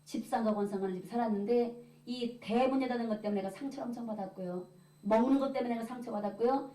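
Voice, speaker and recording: Woman evangelist, lively storytelling, fairly high voice, distant mic, echoey room. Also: fast talker. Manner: lively storytelling, acting out dialogue. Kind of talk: church testimony talk.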